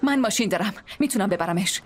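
A woman's voice: mid-range voice, expressive, lightly acted. A woman dubbing a determined rescuer who speaks in firm declarations. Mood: resolute.

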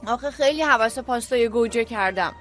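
A woman's voice: fairly high pitch, fairly bright tone, faint music behind, natural voice. A woman dubbing a clumsy young restaurant worker who pleads and apologizes. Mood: frustrated. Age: young adult. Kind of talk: dubbed drama acting.

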